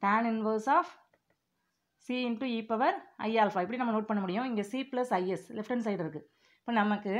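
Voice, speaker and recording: A woman teaching an exam-prep maths lesson, working through formulas step by step and reading each term slowly and deliberately. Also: on the high side.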